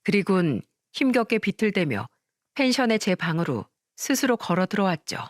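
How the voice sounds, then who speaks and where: A woman's voice: mid-range voice, sing-song, normal speed, no room sound. Woman narrating a story, dry sound. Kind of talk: scripted first-person narration.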